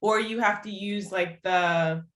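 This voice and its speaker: A woman's voice: mid-range voice, fairly even intonation, measured pace, fairly bright tone. A woman co-hosting a podcast in casual chat, agreeable and chatty, often answering with short yeahs. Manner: agreeable, chatty, backchannels a lot. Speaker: podcast co-host. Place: room in the United States. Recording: roomy echo.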